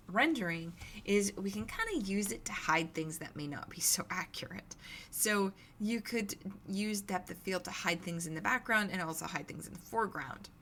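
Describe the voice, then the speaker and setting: A woman instructor giving a recorded lecture, explaining in a relaxed, conversational way, her voice scratchy and hoarse. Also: medium pitch. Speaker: university instructor.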